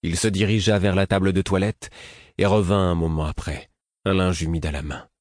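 A man giving measured first-person narration for an audiobook. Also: sits low, fairly even intonation, a little mellow, dry recording, clean studio sound.

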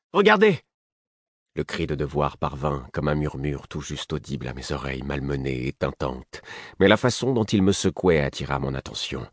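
A man narrating a fantasy novel in the first person, with measured, dramatic storytelling. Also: deep voice, dry recording, clean studio sound. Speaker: audiobook narrator.

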